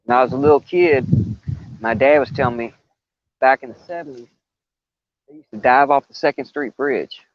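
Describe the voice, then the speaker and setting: A man's voice: mid-range voice, normal speed, pauses often, no echo, lo-fi sound. An older man, chatting casually on a live fishing stream from a riverbank and telling stories with stumbles and restarts. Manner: rambling, folksy storytelling with stumbles and restarts. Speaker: fishing livestreamer. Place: outdoors on a riverbank.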